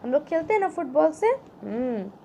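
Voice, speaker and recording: Slow, patient woman teacher. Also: high voice, lively intonation, slight background noise. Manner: patient, questioning, spells words out syllable by syllable. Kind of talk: children's reading lesson.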